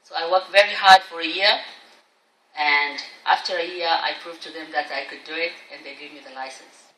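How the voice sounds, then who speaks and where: A woman's voice: deep voice, fairly even intonation, moderate pace, a bit bright. A middle-aged woman with a Tanzanian accent giving a public speech, telling her personal story as a conference speaker. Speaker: conference speaker, tour company owner. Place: conference hall at a trade show. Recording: echoey room, distant, faint noise.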